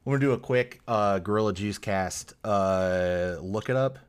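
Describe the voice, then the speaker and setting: Rambling low-voiced man in casual chat. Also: moderate pace, clear, resonant tone. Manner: rambling, filler-heavy, swears casually. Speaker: podcast co-host.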